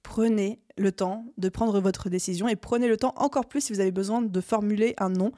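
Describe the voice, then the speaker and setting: A young woman hosts a solo business podcast, walking listeners through her methods step by step. Her voice is mellow and warm, recorded close in a dry, quiet room. She coaches in a clear, structured way, leaning on key words. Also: mid-range voice, a little fast, dry recording. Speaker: podcast host. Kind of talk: solo podcast advice talk.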